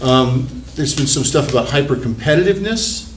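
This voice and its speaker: A man's voice: medium pitch, lively intonation, moderate pace, distant mic. A male professor lectures to a class in a casual, rambling way, circling back on his words as he thinks aloud. He is heard from across an echoey room, with a faint hiss behind him. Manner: rambling, conversational, with restarts and repeated words. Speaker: university psychology professor. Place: university classroom.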